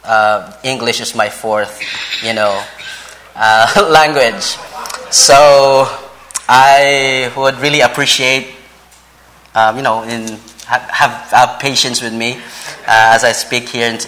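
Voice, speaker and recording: A Filipino visiting preacher, vice president of a Bible college and a native speaker of a Philippine language, introduces a church sermon and reads scripture. His bright, mid-range voice is slow and fairly even, halting with frequent pauses and repeated words yet polite, on a rough recording with slight background noise.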